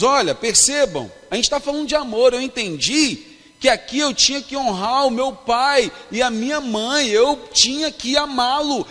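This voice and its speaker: Brazilian male pastor, high-pitched, emphatic sermon storytelling, echoing church hall. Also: pushed and bright. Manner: storytelling, emphatic, calls the congregation "irmãos". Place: church hall at a youth congress. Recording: long reverb of a church hall.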